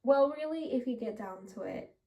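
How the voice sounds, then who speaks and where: Speaking at normal speed in a high, expressive, mellow voice, a woman vlogs from inside her home. Her chat is rambling and filler-heavy, and she seems slightly out of breath. The sound quality is lo-fi.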